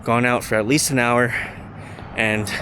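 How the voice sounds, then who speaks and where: A man talking casually to camera while out running, in short halting phrases. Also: mid-range voice, steady tone. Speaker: running vlogger. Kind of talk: casual vlog talk to camera. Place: outdoors on a running route. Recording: outdoor street noise, passing cars. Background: traffic and outdoor ambience.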